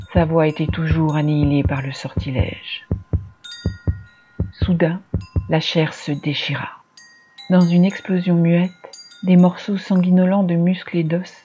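A storyteller giving a measured, dramatic scripted reading of a dark fantasy tale. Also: mid-range voice, highs cut off, slight background noise.

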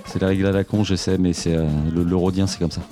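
A man's voice: deep voice, level tone, fast, music in the background. A man chatting casually and bantering between takes of a recording. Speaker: voice actor in an audio drama.

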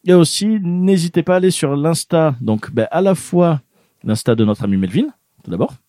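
A man's voice: on the high side, expressive, normal speed, dark tone, dry recording. A man hosting a casual radio show in a studio, chatting loosely with lots of fillers and restarts.

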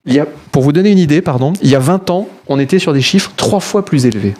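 A man's voice: on the high side, expressive, fast talker, a little mellow. A man hosting a casual chat, with a jokey, mock-solemn manner. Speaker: host. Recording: clear background noise.

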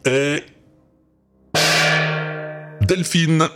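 A man's voice: on the high side, drawn-out words, fairly bright tone, faint music behind. A man hosting a podcast, announcing results in a chatty, teasing way. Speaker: podcast host.

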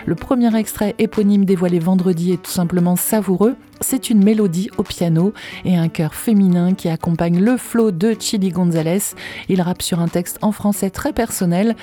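A woman's voice: lowish voice, dark tone. A woman presenting the new-release music segment on a local radio station, reading a polished, enthusiastic script.

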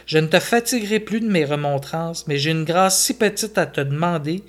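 A man reading the part of a frail, elderly mother gently pleading with her son in an audio story. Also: on the high side, moderate pace, lightly acted. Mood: tender.

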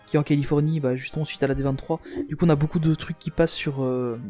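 A man's voice: a little high, steady tone, quick pace, warm tone, faint music behind. A man chatting on a casual podcast, enthusiastic and rambling, often restarting his sentences.

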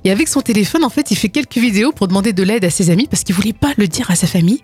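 A woman co-hosting a casual morning radio show in a studio, telling news stories with a giggly, animated manner. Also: mid-range voice, slightly rough, dry recording, soft background music. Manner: giggly, animated, quick to laugh. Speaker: radio co-host.

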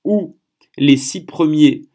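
A man's voice: a little high, takes it slowly, a little mellow. A man from France hosting a solo podcast, explaining at length and thinking aloud, often correcting himself mid-sentence. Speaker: podcast host.

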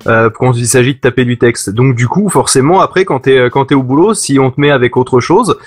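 A man in casual chat, relaxed and halting, with lots of fillers. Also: medium pitch, breathy edge. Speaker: podcast co-host.

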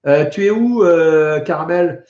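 A middle-aged French-accented doctor with a head cold hosts a weight-loss live stream, chatting casually and answering viewer questions. His voice is a little high and darkish in tone, and he speaks slowly, explaining things with many hesitations. The stream audio is roomy, dull and lo-fi.

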